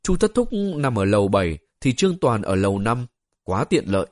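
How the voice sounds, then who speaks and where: A man narrating an audiobook story in a steady, even storytelling way. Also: lowish voice, brisk, no echo, clean studio sound.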